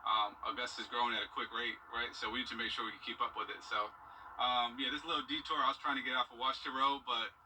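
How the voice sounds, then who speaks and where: A man's voice: medium pitch, little pitch movement, quick pace, far from the mic. A man giving casual, conversational answers as a local interviewee. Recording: off-mic, faint background noise.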